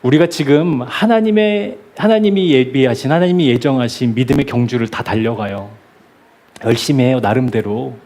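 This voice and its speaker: A man's voice: medium pitch, normal speed. A male pastor preaching at a midweek church service, telling a story and acting out the people in it. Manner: animated storytelling, acting out quoted voices. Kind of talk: sermon.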